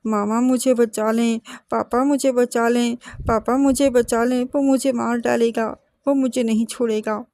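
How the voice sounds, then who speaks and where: A woman voicing a frightened young girl in a horror story, pleading for help in a high, panicked voice. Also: steady tone, hardly any pauses, a little mellow, dry recording, lightly acted. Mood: terrified.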